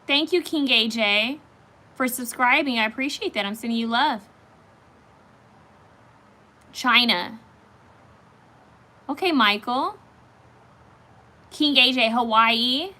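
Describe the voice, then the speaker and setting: Bright-voiced woman in her thirties chatting live. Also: a little high, takes it slowly, pauses often. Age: 30s. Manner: chatty, answers viewer comments aloud, frequent restarts. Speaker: livestream host reading oracle cards. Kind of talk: casual livestream chat with viewers.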